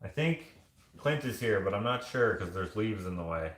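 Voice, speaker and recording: Male vlogger, low pitch with a bright, forceful tone, rambling casual live-stream chat full of fillers. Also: animated, moderate pace, echoey room. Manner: rambling, loose, with many fillers and restarts.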